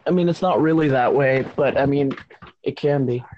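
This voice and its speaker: A man's voice: mid-range voice, normal speed, muffled recording, slight background noise. A man hosting a casual podcast, rambling and teasing with lots of restarts. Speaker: podcast host.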